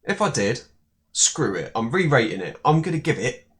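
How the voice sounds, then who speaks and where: A young man giving casual reaction commentary on a song, relaxed and rambling, with many fillers. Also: medium pitch, moderate pace. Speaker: music reaction YouTuber.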